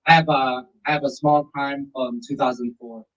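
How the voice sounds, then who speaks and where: A man with a mid-pitched voice answers in a casual chat. He is halting and hesitant. The sound is dull and lo-fi. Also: fairly even intonation, fairly bright tone.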